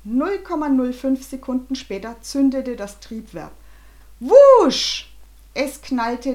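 A woman reads a children's adventure story aloud with animated, dramatic expression. Her narration builds suspense and moves briskly through the action. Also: on the high side. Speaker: audiobook reader.

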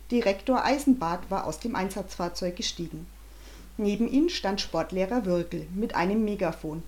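A woman narrating a children's story aloud, with an animated, dramatic reading. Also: mid-range voice. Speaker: audiobook reader.

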